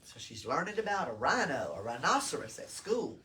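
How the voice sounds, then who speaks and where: With a voice that sits low, a woman with a Southern US accent reads a picture book to children during library storytime. She's expressive and engages them with questions as she goes. The mic is far away, and the room noise is easy to hear.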